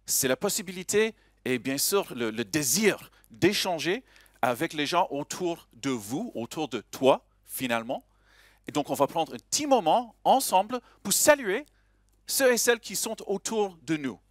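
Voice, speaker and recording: A man's voice: a little high, unhurried, no echo, studio quality. A man with a slight foreign accent, opening a conference live as emcee and joking with the audience. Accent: a slight foreign accent in French. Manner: lively, joking, chatty with the audience. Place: conference hall stage.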